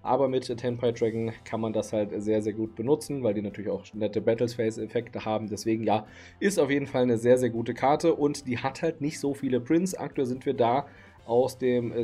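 This is casual card market commentary from a thirty-something man speaking to camera in his home streaming room. His mid-range voice is mellow and slightly rough, worn down by the late hour, and his easygoing chatter is full of fillers.

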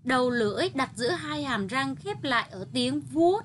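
Woman teacher, Vietnamese accent, high voice, patient, over-articulated reading for young children, faint hiss. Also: lively intonation, moderate pace. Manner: over-articulated, patient, sounding out each word. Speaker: primary school teacher. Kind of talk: slow, careful reading lesson for first graders.

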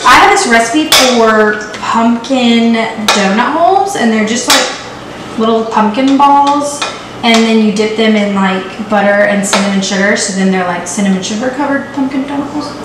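A young adult vlogger bakes in her home kitchen, chatting and joking in a bubbly, playful manner. She speaks at normal speed in a slightly high voice. The sound comes from a camera set back from her, in a kitchen that's echoey and noisy.

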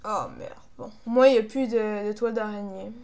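A woman's voice: mid-range voice, steady tone, brisk, darkish tone, clean tone. A young woman with a Quebec French accent doing casual gaming commentary, frustrated, grumbling and swearing as she plays. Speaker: gamer, video creator.

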